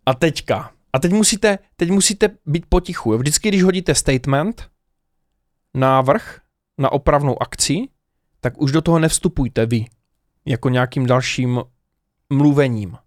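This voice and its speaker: Man vlogger, fairly high voice, chatty and halting storytelling, dry close sound. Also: dry recording. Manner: animated, lots of hesitations and laughs, addresses the viewers directly. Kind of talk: casual storytelling to camera.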